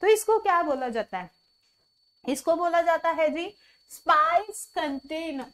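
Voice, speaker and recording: Chatty high-voiced woman teaching vocabulary. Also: animated, unhurried, a bit bright. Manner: chatty, asks the viewer questions and answers them herself; mixes Hindi with English words. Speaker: English teacher. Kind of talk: online vocabulary lesson.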